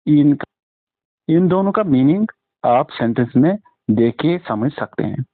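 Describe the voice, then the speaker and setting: A man with an Indian English accent teaches an exam-prep lesson, moving between Hindi and English and spelling words out letter by letter. His voice sits a little high. The sound is dry and thin, like it came over a phone line. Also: expressive, unhurried, dry recording. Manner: mixes Hindi and English, frequent fillers and restarts. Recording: dry, tinny phone-like audio.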